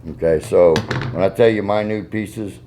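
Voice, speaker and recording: A man's voice: sits low, normal speed, mellow, slight background noise. A man with a Southern US accent giving a casual hands-on tutorial in a folksy, step-by-step way. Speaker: goose call maker giving a tuning demonstration.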